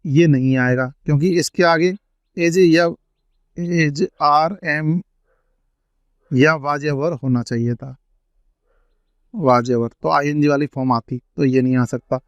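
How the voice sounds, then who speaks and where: A man teaching an English grammar lesson, stretching out each example sentence slowly as he reads it. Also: on the high side, clear, resonant tone, no room sound. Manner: slow, drawn-out reading of example sentences. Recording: dry, dull lo-fi sound.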